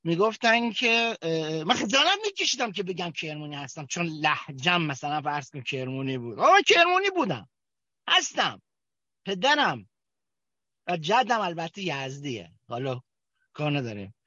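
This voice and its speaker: A man from Kerman with a Kermani accent tells his recovery story at a group meeting, halting often with fillers and restarts. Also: on the high side, animated, sharp tone, no echo. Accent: Kermani Persian. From Kerman, Iran. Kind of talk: personal testimony at a recovery meeting. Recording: dull, dry recording.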